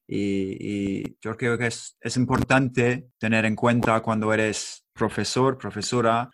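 Relaxed man asking questions. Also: on the low side, slow pace. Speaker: interviewer. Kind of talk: casual conversation.

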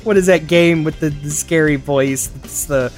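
Guy rambling on a podcast, laughs a lot, lots of ums, soft music way back. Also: on the high side, fairly even intonation, moderate pace. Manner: rambling, laughs often, many fillers and restarts. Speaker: podcast co-host. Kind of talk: casual chat about games.

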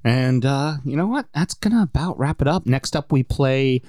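A man's voice: mid-range voice, animated, normal speed, a little mellow, no echo, clean studio sound. A man hosting a casual sports podcast, with joking, rambling, self-deprecating banter. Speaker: podcast host.

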